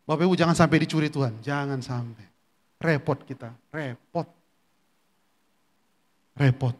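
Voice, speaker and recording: A male pastor giving a church sermon in a conversational way, often turning to the congregation with questions. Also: on the high side.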